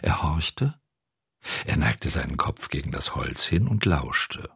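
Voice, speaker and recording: Deep husky male storyteller. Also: slow, no room sound, clean studio sound. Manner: expressive, animated. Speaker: narrator. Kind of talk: storybook reading.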